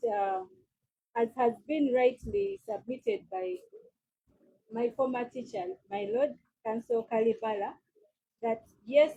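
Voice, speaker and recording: A woman counsel addresses the judge, polite and emphatic, with a few fillers between points. Her voice sits high, mellow and husky in tone. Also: poor audio. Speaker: state counsel in court. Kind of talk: formal courtroom submission.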